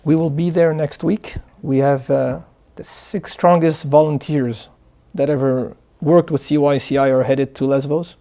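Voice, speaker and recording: A man's voice: fairly high pitch, steady tone, unhurried, few pauses, dark tone. A man from Morocco, a guest answering interview questions in an earnest way, often repeating words as he starts sentences. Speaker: guest, charity founder. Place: studio.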